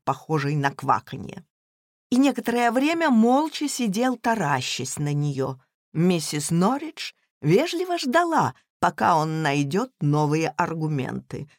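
Slow, expressive woman reading a story. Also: medium pitch, no room sound, clean studio sound. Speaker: narrator. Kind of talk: audiobook reading.

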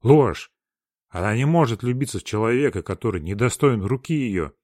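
A man voicing a proud, fiery old grandee obsessed with his family lineage, who shouts and trembles with rage. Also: low voice, steady tone, unhurried, no room sound, studio quality. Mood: furious. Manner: shouting, furious, trembling declamation.

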